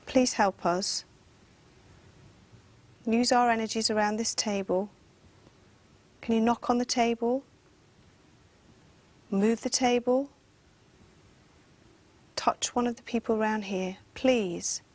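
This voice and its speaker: A woman leading a seance around a table in a dark room, slowly and insistently calling on spirits to make themselves known. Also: on the high side, fairly even intonation. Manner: slow, pleading, insistent.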